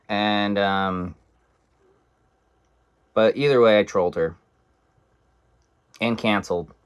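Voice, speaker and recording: Slow, blunt young man telling a story. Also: fairly low pitch, clean tone. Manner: blunt, profane, rambling with fillers. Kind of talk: casual storytime.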